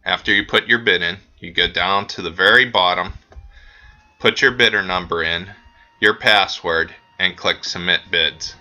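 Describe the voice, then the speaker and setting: Man, deep low voice, bright forceful tone, casual website walkthrough, lots of ums. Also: moderate pace. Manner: relaxed, with frequent ums and uhs. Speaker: auction house staff giving a website tutorial. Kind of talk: casual screen-recorded walkthrough.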